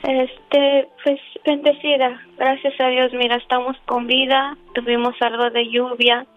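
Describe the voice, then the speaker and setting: A woman's voice: high-pitched, level tone, unhurried. A woman calling in to a radio show, telling a personal story in an earnest, devout way with many fillers. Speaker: caller. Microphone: phone. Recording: tinny dry phone line with faint music.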